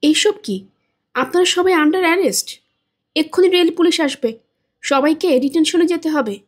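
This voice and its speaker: A woman's voice: high voice, moderate pace, darkish tone, slightly rough. A woman voicing a bewildered, indignant young man in a storybook reading. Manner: indignant, then pleading. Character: bewildered arrogant young man, video maker.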